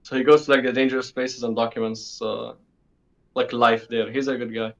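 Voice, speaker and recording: This interview guest is a sixteen-year-old young man on a dull call, chatting casually and informally while repeating himself for emphasis. His mid-range male voice is gravelly yet a bit bright, level in tone, and a little fast.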